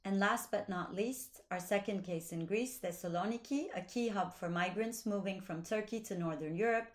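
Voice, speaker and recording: A woman reads scripted narration for a research project video. Her voice is slightly low, and her delivery stays even and formal throughout.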